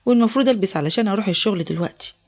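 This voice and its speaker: A woman's voice: mid-range voice, rapid-fire, darkish tone, natural voice. A storyteller voicing a frightened, exhausted young mother who is the narrator's new neighbor, speaking Egyptian Arabic in a pleading, apologetic way. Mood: pleading, weary.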